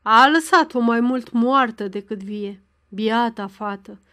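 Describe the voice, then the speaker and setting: A woman's voice: on the high side, sharp tone. A woman voicing a stern, upset village schoolmaster. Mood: grave. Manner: grave, troubled.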